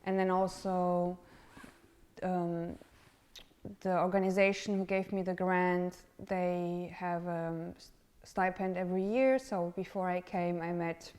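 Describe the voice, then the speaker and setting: A Romanian woman, an artist in residence, gives casual interview answers hesitantly, searching for words and using many fillers. Her voice is low, slow, steady in tone and slightly mellow.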